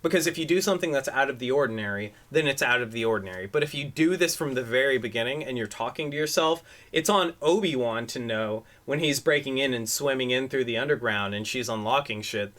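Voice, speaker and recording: Bright-toned, brash rambling man. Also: mid-range voice, fast, hardly any pauses. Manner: profane, rambling, demonstrative. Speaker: podcast co-host. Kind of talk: casual chat. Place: room at home. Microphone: desk microphone.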